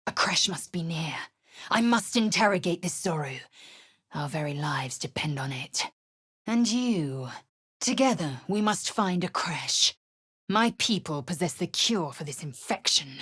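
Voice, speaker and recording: This is video game character dialogue: a woman with a lowish, husky voice plays a proud, stern githyanki warrior in an exaggerated way. Her lines are clipped, commanding, formal and full of scorn.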